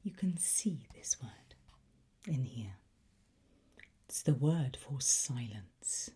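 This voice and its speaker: In a very deep, dark, soft whisper that is extremely breathy and nearly unvoiced throughout, a woman ASMR host plays a patient language teacher. She speaks extremely slowly and unhurriedly, yet with lively intonation, gently encouraging the listener.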